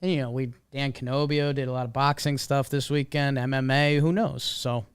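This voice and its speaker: A man's voice: mid-range voice, steady tone, normal speed, clean tone, dry recording, studio quality. A man co-hosting a podcast, chatting in a laid-back, wry way about baseball. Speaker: podcast co-host. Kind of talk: casual sports chat.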